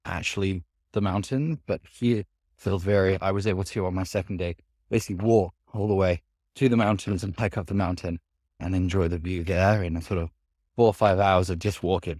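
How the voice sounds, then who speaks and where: Man, somewhat deep voice, casual walking vlog, rambling and hedging delivery, outdoors, no echo. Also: a little mellow, studio quality. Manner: rambling, hedging with sort of and kind of. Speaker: vlogger. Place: outdoors in a city park.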